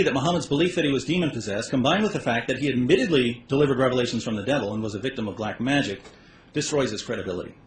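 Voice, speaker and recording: A man giving a measured, methodical closing statement in a debate, laying out his points one by one. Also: medium pitch. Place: debate hall. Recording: echoey hall, faint background noise.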